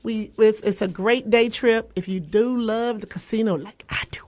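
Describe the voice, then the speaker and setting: A woman's voice: fairly high pitch, fairly even intonation, moderate pace, a little mellow. A woman hosting a radio talk show, playful and laughing easily as she chats in the studio. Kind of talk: casual radio banter.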